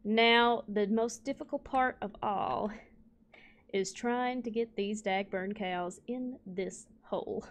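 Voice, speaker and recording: A woman's voice: medium pitch, slow. A young woman hosting a casual let's play, chatting playfully to viewers and to the animals in her game. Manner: chatty, talks to cows and viewers, playful exclamations. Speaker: gaming channel host.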